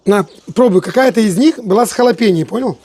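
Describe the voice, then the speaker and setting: A woman with an Odessa Russian accent banters casually while cooking in a family food video, playfully bossy and colloquially affectionate. Her mid-range voice is fast and mellow, with a little hiss or hum in the recording.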